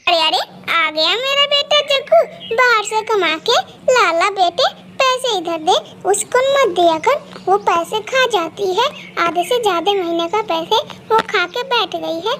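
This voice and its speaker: A harsh, shrill cartoon crow mother-in-law who scolds and threatens, as a woman puts her on. The voice sits very high and the recording carries a steady noise behind it. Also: measured pace. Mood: greedy. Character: spiteful greedy female crow mother-in-law.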